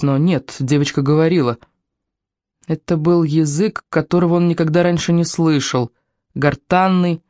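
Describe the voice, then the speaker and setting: An audiobook narrator reading a fantasy story in a steady, measured way. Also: medium pitch, dry recording, studio quality.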